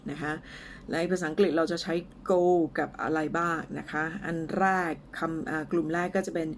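A Thai woman teaching English in a casual lesson, speaking slowly and carefully as she drills pronunciation, with a few fillers. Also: sits low, steady tone, a little hiss or hum.

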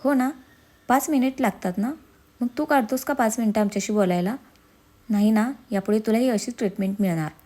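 A woman's voice: on the high side, a little fast, dark tone, lightly acted. Woman voicing a fed-up young wife. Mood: sarcastic. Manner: reproachful, sarcastic.

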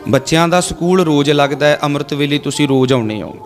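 Sermonizing man, higher voice, faint music. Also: fast talker. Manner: asks the listeners rhetorical questions and leads call-and-response chanting. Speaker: Sikh preacher leading a congregation. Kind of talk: sermon storytelling.

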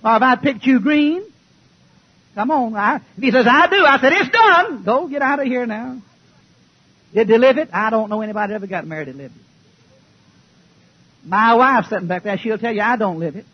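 Preacher guy, high husky voice, jokes around then hollers, muffled old tape. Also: brisk, pauses often, no room sound. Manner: folksy, joking, swings from shouting to quiet asides. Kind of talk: fiery revival sermon. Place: church before a congregation. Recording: dull lo-fi archive recording.

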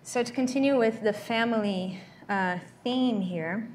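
In a large lecture hall, a Brazilian-accented woman gives a conference keynote with a live demo, explaining conversationally with frequent ums. Her voice is highish and a little mellow at a measured pace, with slight background noise.

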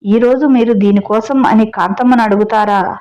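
A woman's voice: medium pitch, fairly even intonation, moderate pace, darkish tone, muffled recording, close to an everyday voice. A woman voicing a fearful mother who warns her husband to be careful. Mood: worried. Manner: fearful, cautioning. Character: worried cautious mother warning her husband.

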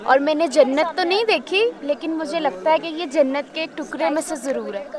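Hiking outdoors on a forest trail, a young Pakistani woman narrates a casual travel vlog into a handheld camera held close, sounding upbeat and sometimes breathless. She speaks a little fast in a high-pitched voice over crowd noise.

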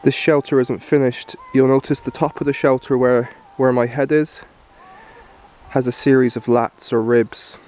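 A man giving a relaxed, explanatory walkthrough of his camp on a wooded hillside, recorded on a handheld camera. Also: mid-range voice, normal speed. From Ireland. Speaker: bushcraft instructor. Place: hillside woodland outdoors.

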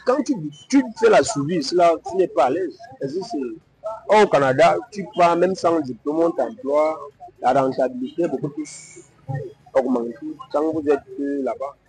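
A young man from Cameroon, answering a street interview in a hesitant, halting way. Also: a little high, darkish tone, soft background music, rough recording. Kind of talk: vox pop answer. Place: outdoors, street. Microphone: lapel.

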